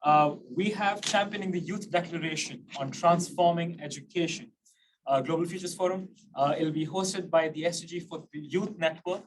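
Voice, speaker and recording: A man's voice: on the high side, moderate pace. A man moderating sessions, hesitant and full of "uh"s. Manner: hesitant, with many "uh"s. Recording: distant mic with noise.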